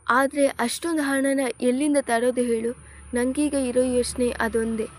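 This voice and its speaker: A woman's voice: on the high side, a little mellow, close to an everyday voice. Woman doing an anxious young saleswoman. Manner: distressed, tearful.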